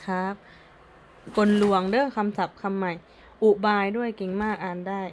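A woman's voice: mid-range voice, steady tone, normal speed, slight background noise. A woman patiently coaching a child through reading aloud, correcting pronunciation and giving praise.

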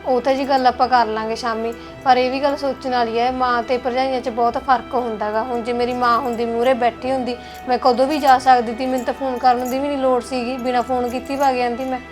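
Playing a young wife saddened that her mother is gone, a young woman with an Indian Punjabi accent delivers plaintive, complaining lines for a village web drama. Her slightly high voice is flat, fast and lightly acted, with few pauses. Background music sits under the dialogue.

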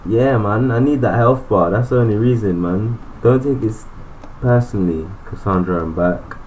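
A man talks through a video game in a loose, joking way, thinking out loud. His voice sits fairly low. Faint noise runs in the background. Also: normal speed, highs cut off. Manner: chatty, joking, thinks aloud. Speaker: gaming YouTuber. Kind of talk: casual gameplay commentary.

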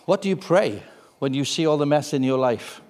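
A man in his sixties delivers a sermon in a somewhat high voice. He pushes some lines out loud and urgent, then drops to a hushed, intimate tone. The sound carries a long church reverb. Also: expressive, normal speed. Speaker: guest preacher.

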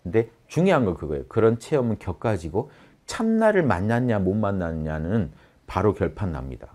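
A man teaching meditation in a lively spoken lecture, often acting out the inner voice in quoted asides. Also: fairly low pitch, fairly quick. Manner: addresses listeners directly, animated.

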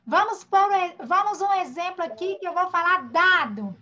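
The high, bright voice of a Brazilian Portuguese-accented primary school teacher carries lively intonation at a moderate pace. She patiently and tenderly sounds out words syllable by syllable for young children in an online class. The video call audio, picked up by a computer or phone mic, is dull and muffled.

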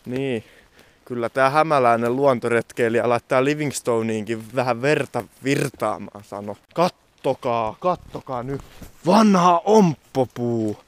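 A man's voice: mid-range voice, clear, resonant tone. A young man talking casually outdoors in a forest, joking in a mock-dramatic nature-guide manner as he films his walk. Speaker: vlogger. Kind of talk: casual outdoor vlog commentary.

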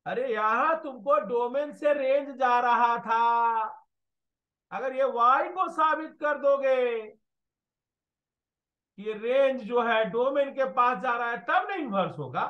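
High-voiced animated maths teacher. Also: male voice, slow pace, lo-fi sound. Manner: animated, storytelling, bursts of shouting. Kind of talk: animated classroom lesson with anecdotes.

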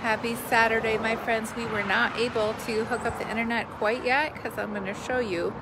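A woman's voice: fairly high pitch, flat delivery, moderate pace. A middle-aged woman chatting casually to her followers in an informal live vlog, talking them through things on a handheld phone outdoors. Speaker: small business owner vlogging. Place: outdoors in a driveway beside a road. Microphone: handheld phone at arm's length. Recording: noisy outdoor phone audio, passing traffic.

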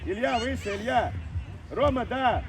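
A man coaching a youth football team, shouting instructions and encouragement to players during a match on an outdoor pitch. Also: animated, measured pace. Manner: loud, urgent, encouraging shouts. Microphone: far camera. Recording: distant mic, crowd and noise behind.

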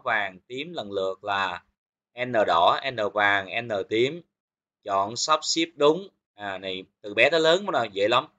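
A man with a bright, forceful voice walks through a physics exam review. He explains each answer step by step and keeps asking his students whether they follow. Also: medium pitch. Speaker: physics teacher.

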